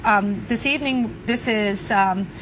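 A woman's voice: mid-range voice, measured pace, poor audio. A middle-aged woman demonstrating a product in chatty sales talk as a home shopping host. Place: TV studio kitchen set. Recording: clear background noise, studio ambience.

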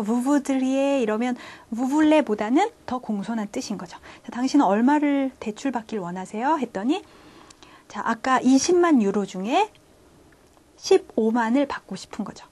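A woman teaching intermediate French conversation in a lecture, explaining phrases step by step and slowing down to read out the French lines. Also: fairly high pitch, darkish tone. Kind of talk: classroom lecture.

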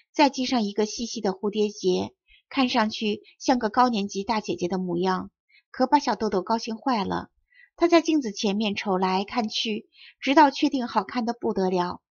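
Woman reading a kids storybook, kinda high voice, dry muffled audio. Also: dry recording. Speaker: audiobook narrator. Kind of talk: storybook narration.

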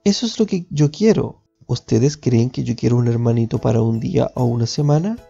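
A man voicing an eager, excited little boy in a storybook reading. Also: mid-range voice, brisk, vocal fry, slightly rough, lo-fi sound, soft background music. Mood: pleading.

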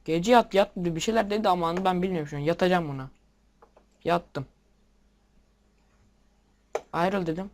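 A young man giving casual game commentary, excitable, swearing at the game and talking to his viewers. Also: high-pitched, moderate pace, pauses often. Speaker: gameplay video maker. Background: keyboard and mouse clicks.

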